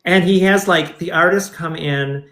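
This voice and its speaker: A man's voice: a little high, unhurried, fairly bright tone. A man hosting a casual interview, easygoing and supportive, telling stories in a rambling way. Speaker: host. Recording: roomy echo.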